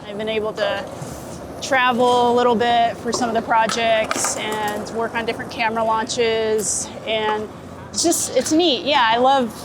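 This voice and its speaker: Her voice fairly high with fairly even intonation and a measured pace, a woman talks informally and giggles easily while working as a street-portrait photographer. The interview is casual and unscripted, recorded outdoors under a bridge with city traffic audible.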